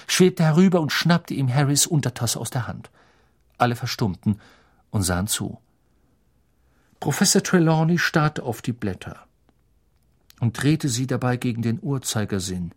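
A male audiobook narrator reading a fantasy story calmly and with measure. His voice is husky and slightly breathy. The pitch sits in an ordinary middle range. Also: measured pace, pauses often. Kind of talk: scripted narration.

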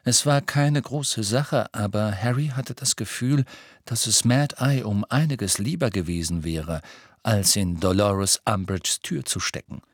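A man narrating an audiobook with steady, measured storytelling. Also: fairly low pitch, slightly rough, dry recording, clean studio sound. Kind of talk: scripted narration.

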